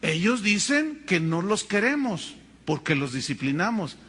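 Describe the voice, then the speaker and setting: A man's voice: high-pitched, a little slow, slightly rough. A man preaching a sermon as pastor, telling stories with humor and acting out other people's voices. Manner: animated storytelling with humor and acted-out voices.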